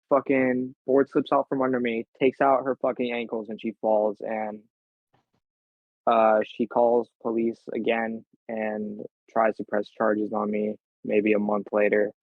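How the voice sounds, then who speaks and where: A man's voice: on the low side, no room sound, narrow, tinny audio. A man co-hosting a casual podcast, telling rambling stories full of swearing. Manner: crude, profane, rambling storyteller. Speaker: podcast co-host.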